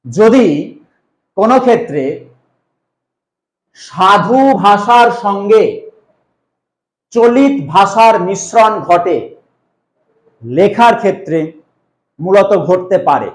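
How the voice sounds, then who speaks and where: A male teacher giving an exam-prep grammar lesson, asking questions and then answering them himself in a drawn-out explaining way. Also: high voice, expressive, reverberant, low-quality recording.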